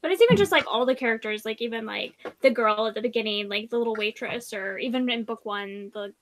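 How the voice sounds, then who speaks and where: A woman hosts a casual chat about books, offering blunt opinions and saying "like" a lot. Her voice is on the high side and quick, with slight background noise.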